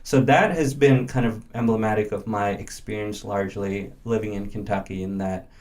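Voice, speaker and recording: A man's voice: on the low side, steady tone, moderate pace, darkish tone. A man in his early thirties who grew up in India, speaking as a guest in a casual conversation and thinking aloud with many fillers and restarts. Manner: thoughtful, with frequent fillers and restarts. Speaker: interview guest.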